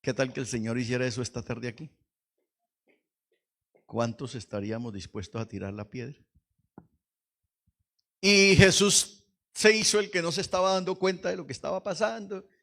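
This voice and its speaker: A man preaching a lively Pentecostal sermon in church, swinging from hushed asides to shouts and quizzing the congregation. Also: mid-range voice, normal speed, creaky, long pauses. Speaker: pastor.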